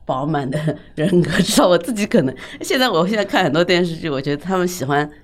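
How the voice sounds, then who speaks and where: A woman's voice: lowish voice, lively intonation, quick pace. A woman, a writer and translator, chatting as a podcast guest in a casual, opinionated book discussion.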